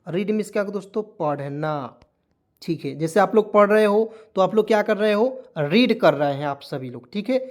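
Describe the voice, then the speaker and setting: A man's voice: sits high, animated, moderate pace. Fields: Sex: man. Role: English teacher. Style: lesson. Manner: repetitive, questioning, drilling. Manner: drills words, repeats questions to viewers.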